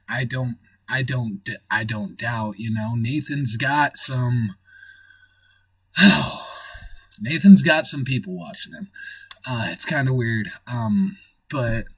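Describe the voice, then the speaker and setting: A man hosts a livestream, chatting casually and rambling as he thinks aloud while reading the chat. His mid-range voice is slightly rough, recorded with no echo but on a distant mic.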